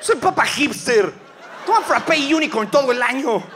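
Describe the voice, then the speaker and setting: A man's voice: very high-pitched, normal speed, a little hiss or hum. A man with a Mexican Spanish accent performing live stand-up on an auditorium stage, telling stories with lots of slang. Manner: animated storytelling with slang. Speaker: stand-up comedian.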